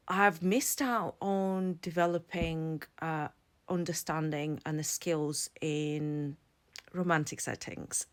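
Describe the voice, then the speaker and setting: A woman in her forties with a deep, low-set voice. She talks to camera in a personal explainer, earnest and reflective, thinking aloud as she goes. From Latvia. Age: 40s. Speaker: vlogger and psychology student.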